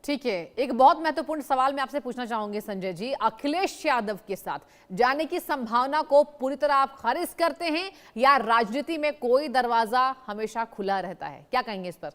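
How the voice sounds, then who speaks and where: Woman news anchor, slightly high voice, polite and measured formal questions. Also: expressive. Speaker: TV news interviewer.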